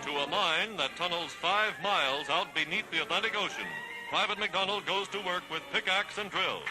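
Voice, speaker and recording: A man narrates a 1940s newsreel in a dramatic, declamatory, scripted style, his voice high and at normal speed. The recording is rough, a vintage 1940s newsreel soundtrack with loud music playing in the background.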